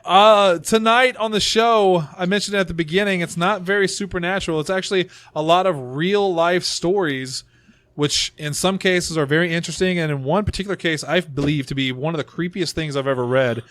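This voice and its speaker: A man with a high-pitched, slightly bright voice talks a little fast, hosting a casual group podcast from a small room around a table. He rambles, jokes and pokes fun at himself as his voice gives out, and there's no room sound.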